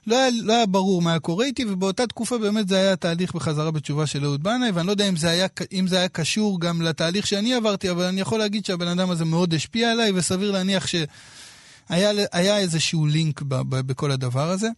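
A man in his thirties from Israel, telling a personal story in a casual, lively way with quoted dialogue. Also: sits high, dry recording, clean studio sound. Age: 30s.

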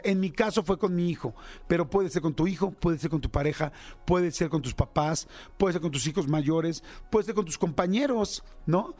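A middle-aged Mexican man with a Mexican accent, a radio host chatting casually with quick asides. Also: a little high, darkish tone. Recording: radio broadcast with music bed.

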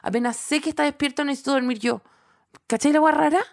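Animated Chilean woman, fairly high voice. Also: fast, gravelly. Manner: animated, laughing storyteller. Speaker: podcast co-host. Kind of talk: casual chat.

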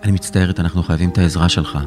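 A man voicing a gentle, reassuring girl in a serialized children's story. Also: deep voice, level tone, over music, close to an everyday voice. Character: girl, calm and encouraging. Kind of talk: storybook character reading.

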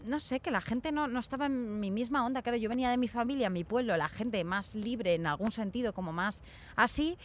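A woman's voice: fairly high pitch, fairly quick. Young woman from spain, casual chat, tells stories and does the voices of people she quotes. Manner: animated storyteller acting out quoted voices.

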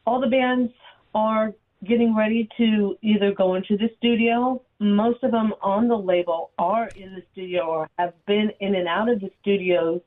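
A woman's voice: medium pitch, fairly even intonation, normal speed. A woman from a record label giving a chatty, rambling update on a talk radio show, heard through a narrow lo-fi AM radio sound. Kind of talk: casual on-air update. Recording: tinny phone-like AM radio line.

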